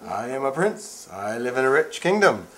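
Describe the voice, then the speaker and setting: A man's voice: medium pitch, big pitch swings, moderate pace, fairly bright tone, slight background noise, pitched above the performer's own voice. Man playing an earnest storybook prince, exaggerated for children. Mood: earnest, declaring. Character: earnest young storybook prince seeking a bride. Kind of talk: read-aloud reader's theater with children.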